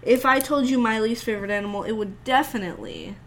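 A woman's voice: a little high, quick pace, fairly bright tone, slight background noise. Playful woman from the American South. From Southern United States. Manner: playful, bantering. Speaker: podcast co-host. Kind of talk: casual joking chat.

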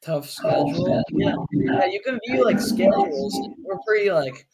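A man's voice: high-pitched, very animated, measured pace, a loud crowd. A teenage boy co-hosting a casual podcast, rambling with lots of fillers and restarts. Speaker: podcast co-host. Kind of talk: casual chat.

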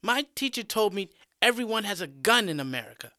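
A man voicing a curious student in a spoken story, high and quick. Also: big pitch swings, pushed and bright, no room sound, studio quality, exaggerated voice. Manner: quick and eager.

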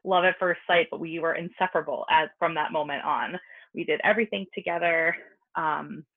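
A woman chatting informally as a podcast guest, heard over a tinny remote line. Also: lowish voice. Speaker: podcast guest, wedding photographer. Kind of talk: casual interview chat.

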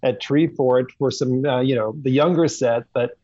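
A man hosts a relaxed conversation and rambles, with many "you know"s, "like"s and false starts. His voice sits in a middle range. The video-call audio is dry and dull. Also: medium pitch, normal speed, dry recording. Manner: rambling, with many fillers and restarts. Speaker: host. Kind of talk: casual interview on a video call.

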